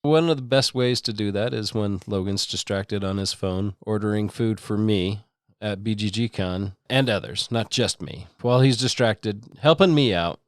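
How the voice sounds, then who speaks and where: A man's voice: fairly low pitch, moderate pace, no echo, clean studio sound. A man co-hosting a board game podcast, explaining a game in a playful, joking way. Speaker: podcast co-host. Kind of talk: casual chat about board games.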